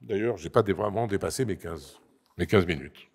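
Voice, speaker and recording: A man's voice: low-pitched, normal speed, gravelly, a little mellow, breathy edge. Man, conference talk, emphatic, hesitant restarts, long hall reverb. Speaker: speaker at a conference panel. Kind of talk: lecture-style talk to an audience. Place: assembly hall.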